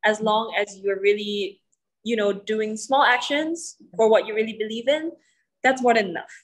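A young woman speaking on a press panel, clear and informative, with frequent "you know" fillers. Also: fairly high pitch, normal speed, poor audio. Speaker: singer at press conference. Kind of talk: press conference answer. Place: indoor press event, panel at a table. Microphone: handheld mic.

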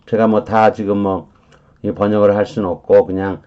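A man teaching English vocabulary in a lecture, explaining slowly with many drawn-out fillers and reading English phrases deliberately. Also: fairly low pitch, little pitch movement, lo-fi sound.

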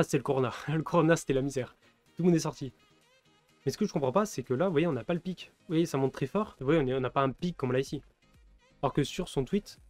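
A man's voice: on the high side, a little mellow, no echo. A man in his twenties from France, rambling through casual live-stream commentary, laughing often and answering chat. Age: 20s.

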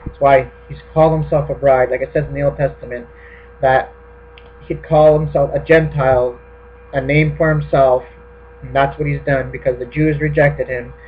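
A man's voice: mid-range voice, flat delivery, moderate pace. Man preaching over a tinny line. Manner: explanatory, repeats "okay?" to check listeners. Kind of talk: sermon teaching on prophecy. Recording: tinny phone-like line with mains hum.

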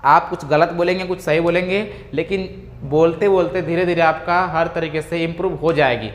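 High-voiced man teaching in an echoey room. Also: steady tone. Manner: slow, drawn-out model sentences repeated for practice; encouraging, addresses students directly. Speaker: English teacher. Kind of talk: Hindi-medium spoken English lesson. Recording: echoey room with faint ambient noise.

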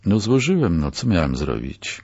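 A man's voice: low voice, big pitch swings, normal speed, vocal fry, darkish tone, husky, dull audio, heavily acted. A man voicing a talkative, guilty male prisoner who speaks plainly and apologetically. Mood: sheepish.

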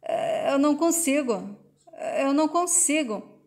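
A woman's voice: sits high, lively intonation, unhurried. A woman voicing a distraught father who pleads and repeats himself, reading his lines in a retold soap scene. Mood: pleading. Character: distraught father refusing to give daughter away.

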